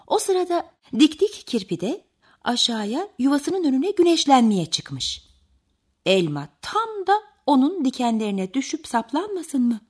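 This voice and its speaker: Woman, children's story narration, fairly high, lively melody, husky. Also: unhurried.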